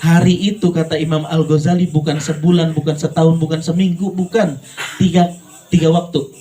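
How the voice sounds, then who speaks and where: Man, islamic preacher, fairly high voice, playful and earnest by turns. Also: little pitch movement, a little fast, dark tone, rough recording. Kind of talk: lively sermon.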